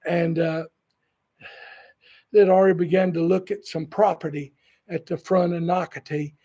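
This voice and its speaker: A man's voice: high-pitched, warm tone. A man preaching a sermon, telling folksy stories with humorous asides. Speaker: pastor. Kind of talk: sermon with storytelling.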